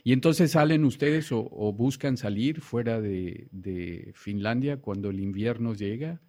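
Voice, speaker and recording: A man hosting a radio interview, effusive with praise and quick to add follow-up questions. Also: medium pitch, a little mellow. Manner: effusive, complimentary, talks over the guest with follow-up questions. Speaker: interview host.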